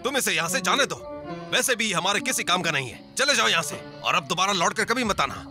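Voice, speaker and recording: A man's voice: high-pitched, very animated, fairly quick, over music. A man dubbing a bullying stepfather. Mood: harsh. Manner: barking orders. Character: harsh, bullying stepfather, middle-aged man. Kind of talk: Urdu film dubbing.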